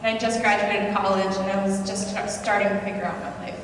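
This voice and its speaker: A woman's voice: medium pitch, flat delivery, a little fast. Woman, 20s, American accent, conversational storytelling, distant mic, noisy reverberant hall. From Singapore. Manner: conversational, self-deprecating storytelling. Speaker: conference speaker. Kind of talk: personal storytelling talk. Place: lecture hall at a conference. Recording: echoey hall, voice from far off.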